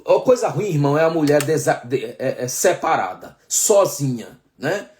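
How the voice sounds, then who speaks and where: A man from Brazil with a somewhat high voice delivers a sermon. He keeps checking in with his listeners and calls them brothers, stretching out key phrases for weight. He slips into the voices of the friends and people he tells about. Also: very animated, a little mellow. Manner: addresses listeners as brothers, frequent tag questions; slows down for emphasis, acts out quoted dialogue. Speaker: pastor.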